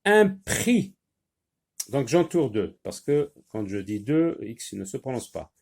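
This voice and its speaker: A man teaching a French phonics lesson, slowly repeating and stressing each sound for young learners. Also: lowish voice, lively intonation, gravelly, warm tone, husky.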